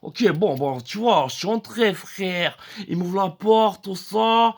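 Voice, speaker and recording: A man's voice: high-pitched, slow. A man telling a crude, rambling comic story in slangy street talk. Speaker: comedian.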